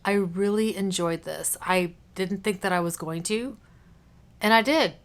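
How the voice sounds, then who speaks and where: In an unhurried, medium-pitched voice, a woman vlogs casually to the camera about beauty. She's chatty and informal with a habit of wandering off topic, and she's a little congested, a cough drop sitting in her cheek.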